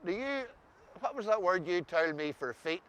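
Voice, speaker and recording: A man with an Ulster Scots accent talks in a bright, fairly high voice. He explains dialect in an easy conversational way, with the wry touch of a storyteller. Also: sing-song, normal speed, smooth. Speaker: co-host discussing dialect words.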